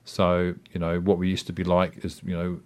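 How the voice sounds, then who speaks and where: Low-voiced New Zealand man, hesitant and reflective. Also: completely flat delivery, moderate pace, darkish tone, smooth. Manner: hesitant, rambling, reflective, with frequent "you know" and "I mean". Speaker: interview guest. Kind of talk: casual personal interview.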